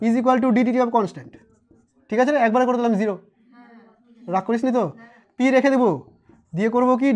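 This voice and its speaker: A man teaching a physics lesson at a board, chatty and teasing, quizzing his students and answering for them. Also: very high voice. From West Bengal, India. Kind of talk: informal whiteboard lesson.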